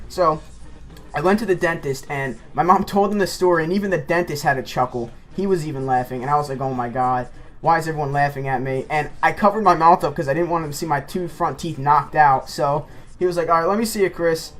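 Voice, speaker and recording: A man's voice: on the high side, a little fast, slight background noise. A man telling a rambling personal story as a casual gameplay commentator. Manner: rambling, animated anecdote-telling.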